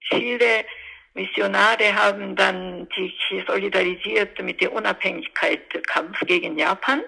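Husky woman on a bad phone line. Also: steady tone, a little slow, sharp tone. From Korea. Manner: explanatory, slightly broken German. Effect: low-quality phone line. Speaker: journalist and author. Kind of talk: phone interview. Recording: poor-quality phone line.

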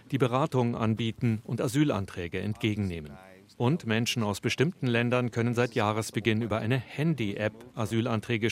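A man narrating a news report in an even, measured, scripted manner. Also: on the low side.

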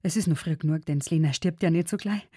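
A woman voicing a wild, jealous young village girl in dialect, loud and scornful. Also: low-pitched, fast talker, breathy edge, dry recording, studio quality.

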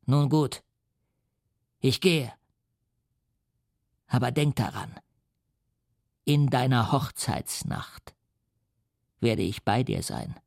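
A man's voice: mid-range voice, expressive, very slow, gravelly, pauses often, a little mellow, no echo, clean studio sound, exaggerated voice. A male audiobook reader voicing a lonely, wronged creature who turns vengeful, speaking in a choked, menacing voice. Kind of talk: audiobook reading.

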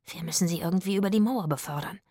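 Erzählerin als tüftelnder Geigerjunge. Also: female voice, fairly low pitch, rapid-fire, warm tone, slightly rough, dry recording, clean studio sound. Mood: plotting. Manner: murmuring, whispering. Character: boy violinist, inventive.

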